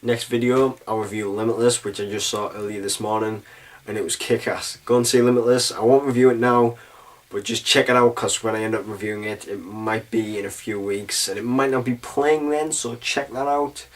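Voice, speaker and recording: A man's voice: fairly low pitch, steady tone, moderate pace, far from the mic. A young man giving a casual, chatty film review, loose and full of filler phrases. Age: young adult. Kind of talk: casual spoken movie review.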